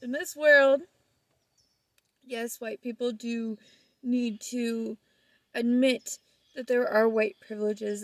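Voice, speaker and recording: High-voiced woman fighting back tears. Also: no room sound. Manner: shaky, holding back tears, earnest. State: on the verge of crying. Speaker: vlogger. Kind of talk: emotional personal vlog to camera.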